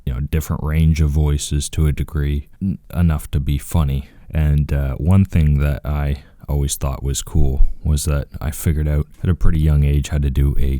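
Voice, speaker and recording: A man with an extremely low, dark voice chats casually for his vlog. He talks quietly and in a laid-back, rambling way, close to the mic. The sound is dry and dead, with no room in it. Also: no echo. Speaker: video creator. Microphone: close microphone.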